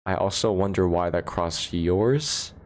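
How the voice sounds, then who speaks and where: Casting: low-voiced American man, loose livestream chatter, laughs a lot, phone mic at home. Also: unhurried. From United States. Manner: rambling, laughs often, answers chat questions. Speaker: livestream host. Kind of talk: casual livestream chat.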